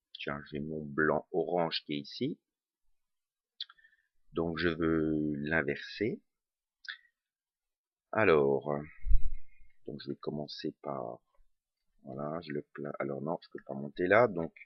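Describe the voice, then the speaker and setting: A man's voice: sits low, husky, no echo. A man with a regional French accent explaining a puzzle step by step, hesitant, with many fillers and self-corrections. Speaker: puzzle tutor. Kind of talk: casual spoken tutorial. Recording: dull, lo-fi home recording.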